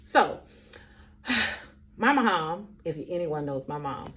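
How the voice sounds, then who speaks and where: Woman teacher in her 40s, lively storytime vlog, kinda low voice, talks right at the camera. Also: slow pace, a little hiss or hum. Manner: animated, chatty, addresses viewers directly.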